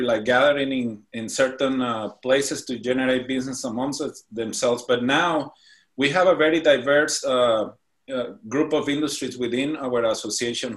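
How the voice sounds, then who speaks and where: A man's voice: medium pitch, fairly bright tone. A man from Mexico, a guest on a talk show, answering interview questions earnestly with frequent restarts. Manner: earnest, halting with fillers and restarts. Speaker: guest, business association founder.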